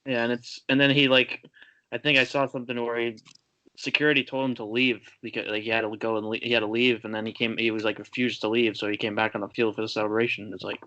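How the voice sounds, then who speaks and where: Bright-voiced man, hesitant casual chat. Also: medium pitch, quick pace, no echo, muffled recording. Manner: relaxed, hesitant, trailing off. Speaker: podcast guest.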